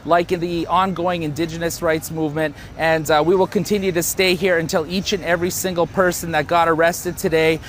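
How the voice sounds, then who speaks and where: A man's voice: fairly high pitch, little pitch movement, fairly quick, few pauses, a bit bright, slight background noise. A man in his thirties, a protest organizer, speaking passionately and fluently with some fillers in a live outdoor news interview.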